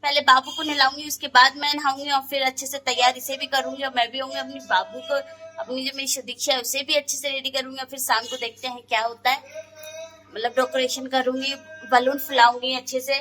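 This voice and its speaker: A woman's voice: high-pitched, little pitch movement, brisk, bright, forceful tone, soft background music, poor audio. A young woman vlogger and mother from North India, chatting casually to her viewers as she narrates her day at home. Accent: North Indian Hindi. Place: home rooms, then street and a shop.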